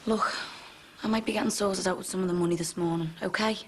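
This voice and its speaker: An actress playing a harried working woman, brisk and firm, in a 1980s TV soap. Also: medium pitch, steady tone, heavy background noise, natural voice.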